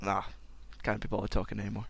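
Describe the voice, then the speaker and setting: A man's voice: fairly low pitch, monotone, fast talker, vocal fry, a bit bright, breathy edge, dry recording. A man hosting a casual chat, loose and rambling. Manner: loose and rambling, laughs a lot. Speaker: podcast host.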